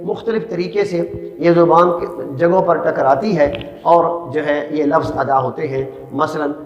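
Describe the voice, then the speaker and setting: A man teaching a spelling lesson, speaking slowly and deliberately and breaking words into syllables. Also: a little high, dull audio, faint music behind. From Pakistan. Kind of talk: classroom lecture. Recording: echoey room with long reverb.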